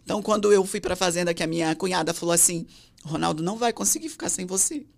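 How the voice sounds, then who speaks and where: A woman's voice: fairly low pitch, expressive, fast talker, creaky. A Brazilian woman guest on an interview podcast, telling personal stories with emotion and acting out other people's voices. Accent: Brazilian Portuguese. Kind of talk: personal storytelling.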